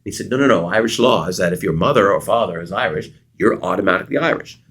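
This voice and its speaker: A middle-aged man with a very low voice, speaking as an interview guest. He tells stories from his working life and animates them by acting out what people said. Originally from Canada, he talks in a conversational, engaged way. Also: fast, slightly rough. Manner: animated storyteller, acts out quoted dialogue. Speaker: guest consultant. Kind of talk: storytelling interview answers.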